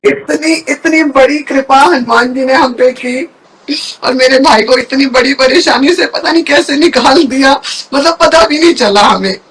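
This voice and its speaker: A woman's voice: high-pitched, unhurried. A woman guest telling a personal faith story in conversation, speaking earnestly and repeating words for emphasis. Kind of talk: emotional personal testimony in conversation.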